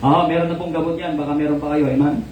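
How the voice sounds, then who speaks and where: A man's voice: on the high side, level tone, quick pace, darkish tone, reverberant, far from the mic, a little hiss or hum, rough recording. A man with a Filipino accent preaching a sermon in a church, switching between Tagalog and English and often asking the congregation "amen?". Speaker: pastor. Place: church hall.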